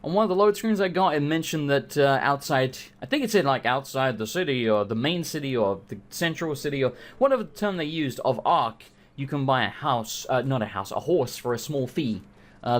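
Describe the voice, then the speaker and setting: A man's voice: medium pitch, lively intonation, brisk. A man hosting a let's play, giving casual, joking gaming commentary with informal, sweary talk.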